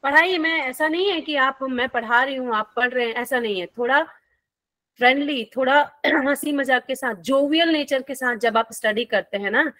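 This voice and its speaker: A woman's voice: high voice, moderate pace, pushed and bright, dry recording. A woman teacher, giving a friendly, playful lecture and asking her students questions as she goes. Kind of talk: classroom lecture.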